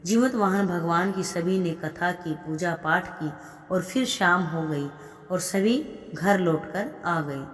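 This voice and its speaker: A woman's voice: on the low side, slow pace. A woman narrating a devotional folk tale and acting out the characters' lines with feeling. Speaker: storyteller. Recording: echoey room with long reverb.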